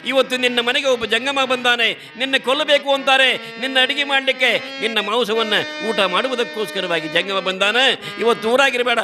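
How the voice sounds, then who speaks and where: A man's voice: extremely high pitch, normal speed, music in the background. A man voicing a stern wandering ascetic who tests devotees, in a solemn storytelling delivery. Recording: accordion playing behind.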